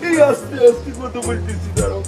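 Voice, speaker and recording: A man's voice: very high voice, quick pace. A man playing a stern male master of the house who scolds his gatekeeper in a comic drama. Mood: scolding. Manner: scolding, orders the gatekeeper about. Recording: distant voice over background music.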